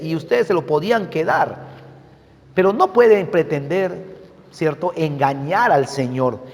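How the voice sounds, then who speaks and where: A man's voice: high voice, darkish tone. A man preaching a sermon as pastor, speaking emphatically and checking in with his congregation through questions. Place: church. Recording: long reverb of a church hall.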